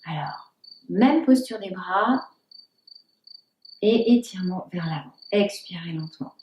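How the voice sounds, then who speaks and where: Woman yoga teacher, slow calm cues, mellow tone, roomy echo, off-mic. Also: on the low side, far from the mic, a little hiss or hum. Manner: slow, calm cueing of breath and movement, drops to near whispers. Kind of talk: guided yoga instruction.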